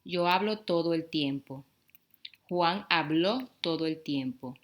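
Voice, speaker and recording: A woman reading example sentences slowly, with careful, deliberate enunciation. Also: on the low side. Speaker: example speaker.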